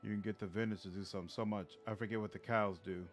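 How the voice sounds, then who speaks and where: Male streamer, lowish voice, casually muses through live gameplay over soft background music. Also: fairly even intonation, quick pace. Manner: thinking aloud, trailing off. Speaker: game streamer.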